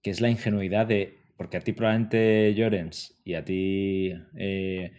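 A man's voice: low voice, little pitch movement, unhurried, a little mellow. A man, co-hosting a casual chat in a wry, self-mocking way. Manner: wry, self-mocking, addresses the others directly. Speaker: podcast co-host. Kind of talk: casual conversation.

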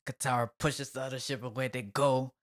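A young woman with an unusually deep, low voice, co-hosting a relaxed podcast. She recaps scenes in a chatty way and drops into playful quotes of the characters. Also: brisk. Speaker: podcast co-host. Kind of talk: casual chat.

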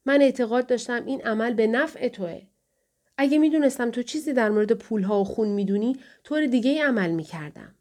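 A woman's voice: fairly high pitch, a little mellow, close to an everyday voice. A woman voicing a distressed man pleading with his wife in an audiobook, earnest and pleading. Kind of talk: audiobook dialogue reading.

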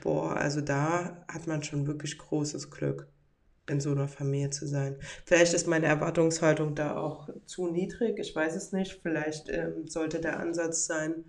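A woman's voice: low voice, little pitch movement, normal speed. A woman in her forties hosting a podcast, talking reflectively and reading out messages from listeners. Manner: reflective, reads follower messages aloud. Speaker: podcast host. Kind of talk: casual monologue.

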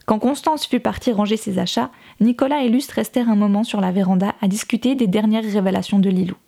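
This audiobook reader speaks quickly in a warm, mid-range voice with vocal fry. She narrates a novel from the script, lightly altering her voice for every character's lines.

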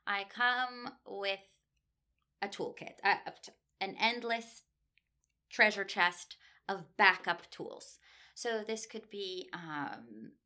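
A woman who teaches language, answering a panel question in a thoughtful way with many pauses and fillers. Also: medium pitch, sharp tone. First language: English. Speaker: language instructor.

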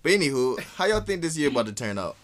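A man co-hosting a casual podcast, loud and laughing, swearing freely. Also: medium pitch, sing-song, quick pace. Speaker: podcast co-host. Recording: noisy room recording.

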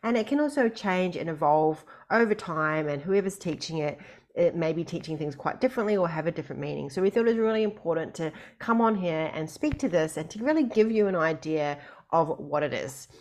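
Woman podcast host with a lowish voice. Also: expressive, fairly quick, darkish tone. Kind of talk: conversational podcast hosting.

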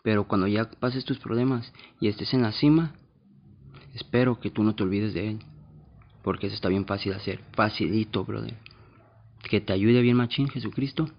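Brief: podcast host, rough gravelly voice, blunt and confessional, slightly muffled sound. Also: male voice, fairly low pitch. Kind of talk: casual monologue.

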